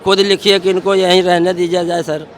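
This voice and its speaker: A man's voice: high-pitched, little pitch movement, brisk. A man who lives in the area, pleading with a reporter outdoors, repeating himself and calling him sir. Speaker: local resident interviewed. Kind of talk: street interview. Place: outdoors in a crowd. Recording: crowd noise outdoors. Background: crowd chatter.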